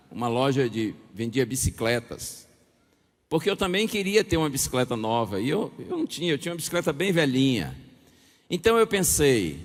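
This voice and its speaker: A middle-aged man preaches to a congregation, spinning a personal anecdote. His slightly high voice swings widely in pitch as he acts out the dialogue. The long reverb of a large hall trails behind every phrase. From Bahia, Brazil. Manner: lively anecdotal storytelling with chuckles and acted dialogue. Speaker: pastor. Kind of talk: storytelling sermon. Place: large hall or church with audience.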